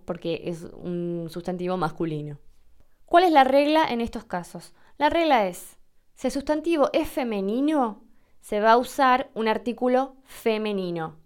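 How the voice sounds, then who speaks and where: A woman's voice: medium pitch, clean tone. A woman with an Argentine accent explaining Spanish usage patiently, with examples, as a teacher. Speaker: Spanish teacher answering listener questions. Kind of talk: explanatory lesson.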